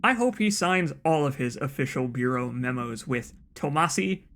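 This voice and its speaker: Playing through a game, this streamer keeps up casual, wandering commentary in a soothing voice, often starting sentences over and going off on asides. He talks at a normal speed with lively intonation and a fairly bright, medium-pitched tone, with a little hiss or hum present.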